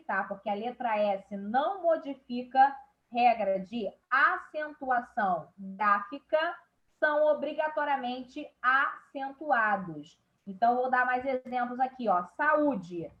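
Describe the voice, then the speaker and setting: A woman's voice: high-pitched, lo-fi sound. A woman teacher with a Brazilian Portuguese accent, explaining a grammar lesson step by step and checking in with her class.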